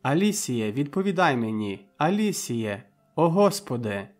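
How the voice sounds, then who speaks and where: A man voicing a desperate, frightened captive man who shouts and pleads in panic, in an audiobook reading. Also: medium pitch, sing-song, measured pace, soft background music. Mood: panicked.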